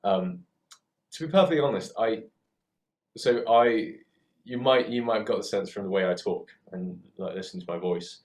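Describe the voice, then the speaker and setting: Speaking at a normal speed in a lowish, darkish-toned voice, this twenty-something man has a southern English accent. Born in Hong Kong and from the UK, he works in theatre and co-produces photoshoots. His reflective, casual talk is hesitant and thoughtful, with lots of rephrasing.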